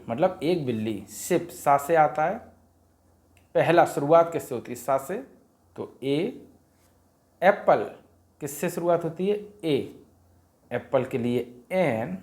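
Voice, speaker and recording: A man's voice: a little high, a little mellow. Man drilling vowels in a lesson. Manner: repetitive sing-song vowel drilling, asks and answers himself. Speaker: teacher explaining a worksheet. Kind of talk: Hindi grammar lesson for parents.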